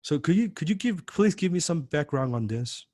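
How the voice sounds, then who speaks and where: A man teaching a sales training class, lively and full of rhetorical questions, acting out what prospects say. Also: on the high side, normal speed, dry recording. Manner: animated, acts out prospect replies, rhetorical questions. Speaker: sales coach.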